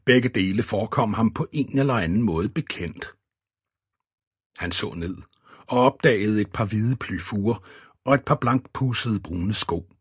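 A man reading an audiobook in a steady, even scripted narration. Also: lowish voice, husky, no room sound, clean studio sound.

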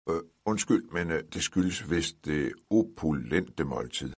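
A man voicing a dry, deadpan uncle who speaks with mock gravity. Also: rumbling low, breathy edge, heavily acted.

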